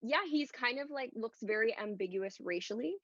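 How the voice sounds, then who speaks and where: A woman's voice: a little high, animated, brisk, a bit bright, no room sound. A woman guest chatting casually over a video call, full of fillers and likes. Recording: dull lo-fi video call audio, dry.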